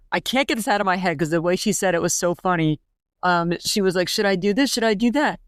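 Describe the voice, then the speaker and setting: Forties woman co-host, gushing casual chat, smooth clear tone, dry close mic. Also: on the low side, no echo. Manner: gushing and rambling, many fillers. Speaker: podcast co-host.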